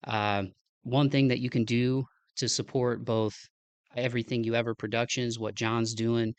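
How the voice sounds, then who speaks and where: A young podcast host with a Midwestern American accent wraps up his episode loosely and ramblingly, with many fillers and restarts, in a casual outro. His voice is medium-pitched and smooth, his delivery flat at normal speed, and the recording is dry.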